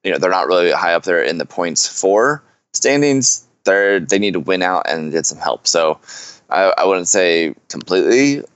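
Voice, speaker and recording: Low-voiced, measured podcast man. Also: expressive, fairly bright tone, clear, resonant tone, no echo, muffled recording. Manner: measured and explanatory, with frequent "you know" fillers. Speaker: fantasy football podcast co-host. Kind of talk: casual podcast chat.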